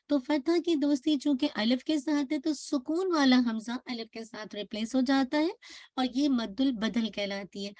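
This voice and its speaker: A woman's voice: sits high, no room sound. Woman patiently teaching Quran recitation. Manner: patient, drills words by repeating them slowly. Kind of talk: online tajweed lesson.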